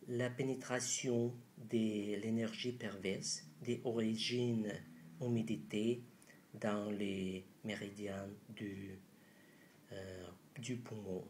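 A man in his thirties with a foreign accent in French, a non-native speaker giving a halting instructional presentation, searching for words. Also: lowish voice, slight background noise. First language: not French. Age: 30s. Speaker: doctor presenting an acupuncture method. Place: small room indoors.

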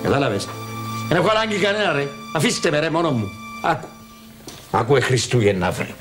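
An actor playing a stingy, grumbling old uncle in a sitcom, speaking with a Cypriot Greek accent and theatrical exasperation. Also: male voice, fairly high pitch, sing-song, music in the background. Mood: weary muttering. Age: older. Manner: exasperated, theatrical sighing and cursing. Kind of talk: TV sitcom acting.

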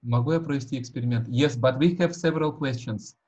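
Male interpreter, native Russian speaker: consecutive translation voice-over, plain and even delivery. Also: medium pitch, quick pace, muffled recording. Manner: relays each phrase right after the speaker, plain and even. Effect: translation voice-over, interpreting the speaker aloud. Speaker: live interpreter. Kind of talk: consecutive interpreting in an online talk.

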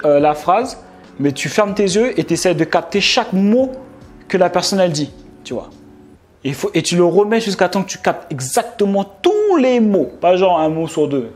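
A man's voice: high-pitched, a little mellow. A young man from France giving casual, slangy advice straight to the viewer, with many fillers and restarts. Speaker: online business vlogger. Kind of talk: casual advice talk to camera. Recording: faint music behind.

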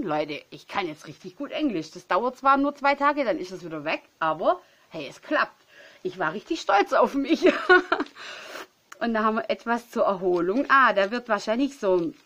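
A woman in her thirties chatting casually at home as she unboxes craft gifts, excitable and gushing, tired and sniffly with a runny nose. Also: mid-range voice. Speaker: crafting vlogger.

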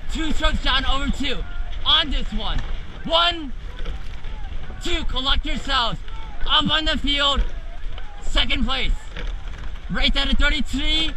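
A teenage male coxswain with a very high, piercingly bright voice. He calls race commands in short, urgent, repeated bursts, spaced out at a slow pace. It is recorded outdoors on a boat with faint wind and water noise. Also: poor audio. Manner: urgent, clipped, repetitive commands. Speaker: rowing coxswain. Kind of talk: shouted race calls to a rowing crew. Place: outdoors in a racing shell on a lake. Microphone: camera mounted on the boat near the speaker.

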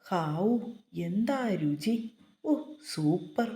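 A woman's voice: on the high side, expressive, moderate pace, dark tone, pitched above the performer's own voice, natural voice. A woman voicing a young bride who chatters, pleads and asks eager questions. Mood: chatty. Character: young female bride, emotional and talkative. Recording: roomy echo.

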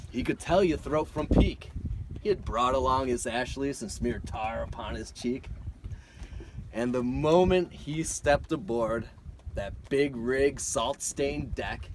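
A man's voice: medium pitch, noisy background. A man, a schooner captain, reciting a long sea poem aloud in a hearty, theatrical way. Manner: hearty, theatrical reading with chuckles. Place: aboard a schooner on a harbor cruise, outdoors.

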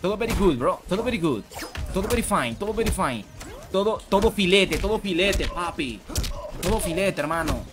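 An excitable male game streamer who chatters in slang, repeats himself and shouts at the fights. His voice sits high and swings widely in pitch, with game music playing loudly behind him. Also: normal speed. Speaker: live streamer. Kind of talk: casual gameplay stream commentary, greeting chat.

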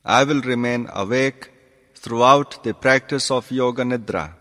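A man leads a yoga session through guided meditation, calm and deliberate, giving instructions in short, measured phrases. His voice sits in the mid range, and the recording has a long, reverberant hall sound.

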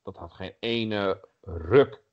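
A man's voice: lowish voice, extremely slow. Male podcast co-host, casual and rambling, muffled lo-fi audio. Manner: rambling, many fillers and restarts. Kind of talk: casual chat about retro games.

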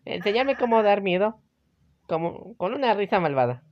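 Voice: medium pitch, sing-song, moderate pace, lo-fi sound, slight background noise, voice pushed up, close to an everyday voice. A person voicing a boastful, childish cartoon villain jester in a theatrical manner for a video game. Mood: gleeful, menacing.

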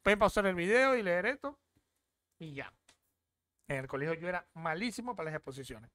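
A young man who reviews crypto apps chats through a casual screen-share tour of an app from his home desk, often repeating "¿ok?" to check in with viewers. His high voice swings widely in pitch, runs a little fast, and sounds smooth, clean, a bit bright, and dry and close, with no echo.

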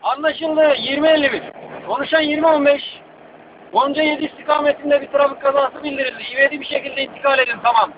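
A man's voice: very high voice, fairly even intonation, fast talker. A man working as a police dispatcher, calling units over a walkie-talkie radio in clipped call-sign phrases. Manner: clipped, formulaic call signs. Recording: muffled radio with loud static.

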